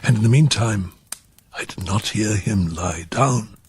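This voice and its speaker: Guy doing a creepy crazed killer telling his tale like a fireside horror story, deep voice, theatrical, some noise behind. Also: darkish tone, close to an everyday voice. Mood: grim, hushed. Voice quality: low gravelly voice breaking into whispers and high cackles. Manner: theatrical, drawn-out words, sudden swings in pitch and pace. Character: unhinged, gleefully cunning murderer confessing his crime.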